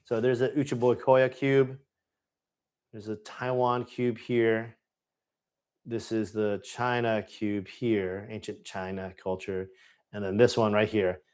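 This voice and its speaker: A man's voice: fairly low pitch, level tone, takes it slowly, a little mellow. A man hosting a live-stream Q&A in casual chat, enthusiastic and rambling, often correcting himself mid-sentence. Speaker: host.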